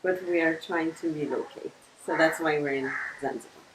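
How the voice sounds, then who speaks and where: A woman's voice: deep voice, brisk. A woman in her forties, from Tanzania and raised in Sweden, answering interview questions in a hesitant, reflective way with many fillers. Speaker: interview guest. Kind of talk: casual interview. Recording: distant mic with noisy background.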